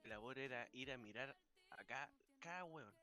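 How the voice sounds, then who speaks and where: A man's voice: mid-range voice, normal speed, sharp tone. A young man with a Chilean accent, co-hosting a casual podcast and telling a crude story. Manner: crude, laughing banter. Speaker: podcast co-host. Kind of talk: casual chat.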